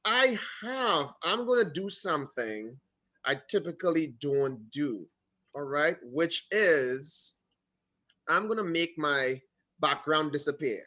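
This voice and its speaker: A man from Trinidad and Tobago, with a fairly high-pitched voice and a Trinidadian accent, tells his story on a casual video call interview. He's animated and throws in quick asides. The high frequencies of the audio are cut off.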